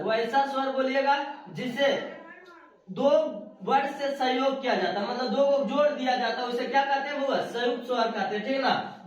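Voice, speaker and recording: Male teacher, repetitive call-and-response delivery, recorded off-mic in a booming room with muffled sound. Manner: repetitive question-and-answer drilling, affectionate. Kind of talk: spoken video lesson. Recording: very echoey room, far from the mic, dull sound.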